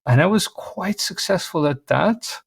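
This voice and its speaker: A man, likely in his forties, speaking as a podcast guest on a video call, with a thoughtful, measured manner and light self-deprecating humor. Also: sits high, lively intonation, gravelly, slightly rough, no echo, studio quality. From Switzerland. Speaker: guest, organizational consultant. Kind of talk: reflective interview talk.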